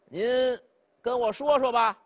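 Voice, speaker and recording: A storyteller voicing an aloof old drunken hermit who talks in a drawling, mock-humble way. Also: male voice, very high-pitched, fairly even intonation, slow. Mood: wry, aloof.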